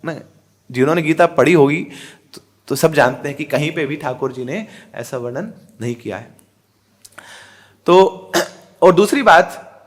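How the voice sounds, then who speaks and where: High-pitched guy preaching, pushy rhetorical questions, chants verses, drops english words in. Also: fairly bright tone. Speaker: spiritual teacher. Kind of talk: Hindi religious discourse.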